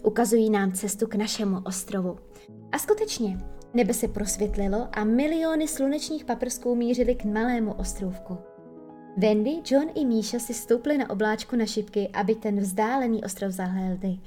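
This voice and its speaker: A woman reading a children's story aloud with expressive storytelling. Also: a little high, faint music behind. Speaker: narrator.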